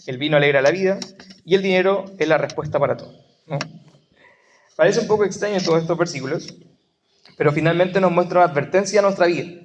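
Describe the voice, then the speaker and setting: A man with a Chilean accent preaching a sermon in a conversational teaching manner, checking in with listeners through frequent tag questions. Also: fairly high pitch. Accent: Chilean Spanish. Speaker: lay preacher.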